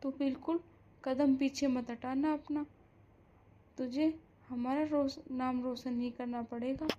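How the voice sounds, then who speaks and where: Cartoon: woman playing a frail, dying mother, soft and slow. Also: very high-pitched, completely flat delivery, dull audio. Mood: tender. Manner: soft, weak, earnest urging. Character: dying gentle mother, weak and tender.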